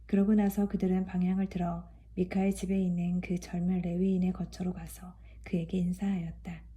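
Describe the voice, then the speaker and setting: A woman reading scripture aloud in a calm, even way. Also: lowish voice, moderate pace. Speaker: scripture reader.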